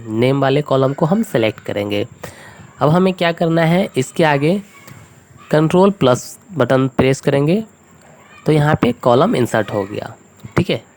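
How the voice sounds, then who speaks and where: Gravelly-voiced man teaching a spreadsheet lesson. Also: fairly high pitch, a little mellow. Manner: patient, step-by-step, frequent check-ins. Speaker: computer tutor. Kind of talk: screen-recorded software tutorial.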